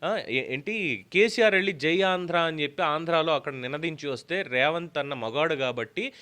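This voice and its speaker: A man's voice: a little high, moderate pace, pushed and bright, clear, resonant tone. A man delivering an opinion commentary, arguing emphatically with rhetorical questions. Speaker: political commentator.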